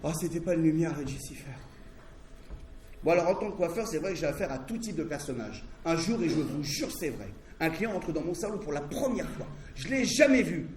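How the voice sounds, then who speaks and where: A male comedian performs a stand-up routine, his voice high and animated as he spins pun-filled stories. The sound is roomy and distant, with noise audible behind him. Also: fairly quick. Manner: wordplay-driven, conversational storytelling. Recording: roomy, distant, noisy stage recording.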